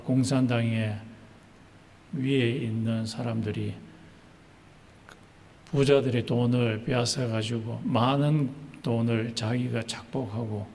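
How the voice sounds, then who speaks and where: A male pastor preaching a sermon slowly and deliberately, pausing often with "uh" fillers. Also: medium pitch, steady tone, gravelly, a little mellow. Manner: slow, deliberate preaching with many pauses and "uh" fillers. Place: church sanctuary. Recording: church hall reverb, faint noise.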